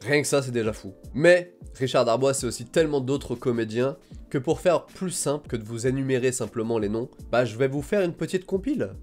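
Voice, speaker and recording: A man's voice: medium pitch, animated, brisk, darkish tone. A man hosting a casual video commentary, talking in an enthusiastic, colloquial way. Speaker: video host. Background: background music.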